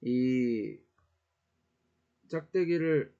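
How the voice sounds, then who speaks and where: Man, Latin grammar teacher, warm mellow tone, unhurried and halting, lots of "uh" fillers, dull lo-fi sound. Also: medium pitch. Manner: explains slowly with many "uh" fillers and self-corrections. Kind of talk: casual online grammar lesson.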